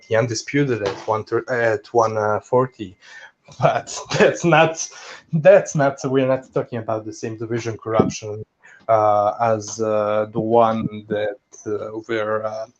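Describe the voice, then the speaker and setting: A man co-hosting a casual boxing podcast, talking haltingly with many fillers and restarts. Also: on the low side. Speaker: podcast co-host. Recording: dull lo-fi sound.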